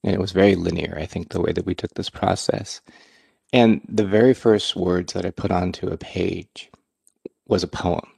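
Deep gravelly man, husky and dry. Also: moderate pace, no echo. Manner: relaxed, hedging with fillers. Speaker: co-author and host of the talk. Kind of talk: casual conversation.

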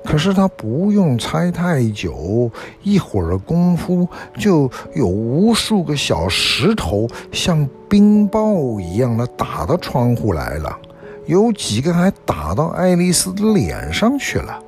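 Man, storybook narrator, gentle, slow, very animated, mid-pitched. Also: faint music behind.

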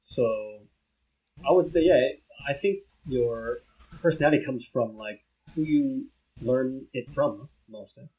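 This podcast co-host is an American-accented man from the United States whose first language is Vietnamese. His medium-pitched voice is a little slow and dark as he keeps a casual chat laid-back, often hedging with "like" and "um." The recording sounds rough.

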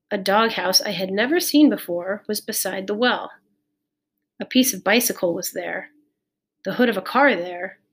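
A woman reading a children's novel aloud in a measured, clear storytelling voice. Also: medium pitch. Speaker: audiobook reader. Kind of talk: scripted narration of a children's novel.

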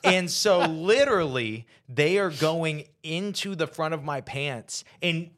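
A man's voice: fairly high pitch, animated, slow pace, fairly bright tone. A man hosting a podcast in casual chat, joking and teasing his guest and laughing often. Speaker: podcast host.

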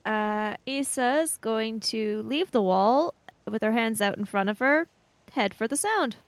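A woman's voice: on the high side, measured pace, no room sound. A woman describing her character's actions in a tabletop game in a matter-of-fact way. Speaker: player.

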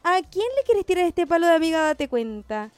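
Very high-voiced Chilean woman radio host. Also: sing-song, no room sound, faint music behind. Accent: Chilean Spanish. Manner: fast-talking, upbeat, chatty. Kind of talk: casual radio chat.

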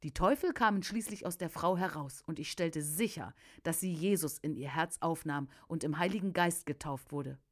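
A woman narrating a first-person preacher's memoir, fervent, often bursting into loud emphatic exclamations. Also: low voice, moderate pace, hardly any pauses.

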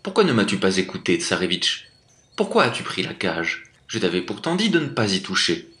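A man's voice: sits low, sing-song, fairly quick, pushed and bright, exaggerated voice. A man voicing a big grey talking wolf, a stern but loyal helper who scolds and then forgives, in a storybook reading. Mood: reproachful. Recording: echoey room.

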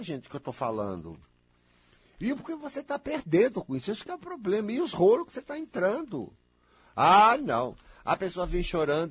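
A man giving a spiritual talk, emphatic and scolding, swinging between loud outbursts and low murmurs, with a husky voice. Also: no echo.

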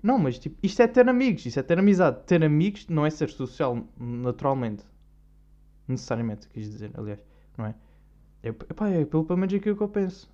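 A man's voice: fairly high pitch, big pitch swings, quick pace, dark tone. A young man with a European Portuguese accent, hosting a podcast in a rambling, slang-heavy casual monologue. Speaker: podcast host. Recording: dull lo-fi recording.

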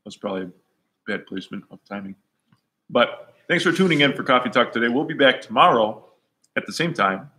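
A man hosting an online talk show, chatting casually and relaxed, with fillers and restarts. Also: mid-range voice, fairly quick. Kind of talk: casual chat.

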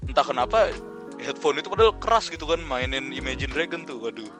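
A man's voice: mid-range voice, fast, a bit bright. Young guy, casual slangy storyteller, rambles and laughs a lot, music playing behind. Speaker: guest storyteller. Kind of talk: casual chat.

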